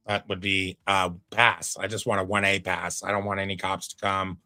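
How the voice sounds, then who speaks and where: Low-pitched man, laid-back streamer, chatty and moralizing; dry mic, faint music bed. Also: flat delivery, normal speed, bright, forceful tone, no echo. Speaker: reaction streamer. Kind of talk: casual commentary on a clip.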